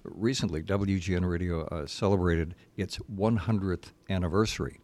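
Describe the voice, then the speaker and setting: A man's voice: low voice, moderate pace, darkish tone. An older man, a veteran broadcaster, speaking conversationally as a guest in a radio interview.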